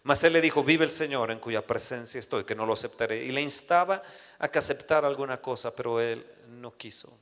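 A man's voice: medium pitch, a little fast, a bit bright. A man preaching a sermon. He reads scripture aloud, then tells personal stories with many restarts. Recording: echoey hall with long reverb.

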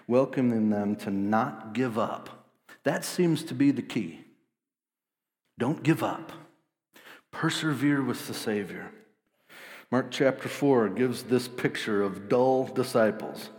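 Male pastor, thirties, lively sermon delivery that acts out scenes, long hall reverb, mid pitch. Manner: animated, acts out voices of disciples.

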